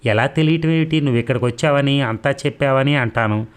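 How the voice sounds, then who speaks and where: Brief: man voicing a caring young man in a storybook reading, slow and soothing, everyday pitch. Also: clear, resonant tone, lightly acted. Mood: firm.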